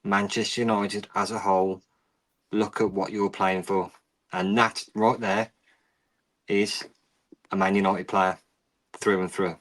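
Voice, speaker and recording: A man on a fan podcast, firm and matter-of-fact. His voice sits low and stays flat, with little rise or fall. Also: unhurried, long pauses. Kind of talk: casual football podcast chat.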